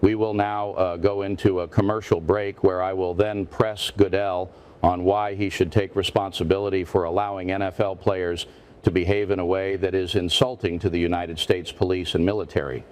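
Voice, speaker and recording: A man's voice: sits low, level tone, normal speed, a little mellow, natural voice. A man playing a parody news anchor, a stiff, formal, indignant interviewer who presses and repeats himself. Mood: indignant, pressing. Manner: stiff, formal, repetitive, confrontational.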